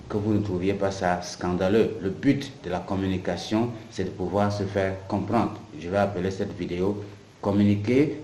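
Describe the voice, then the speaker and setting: A man from Africa teaches English in a patient, repetitive way. His voice sits low. The room echoes, with a faint hiss behind him. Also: warm tone. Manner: patient, repeats key phrases. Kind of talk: bilingual language lesson.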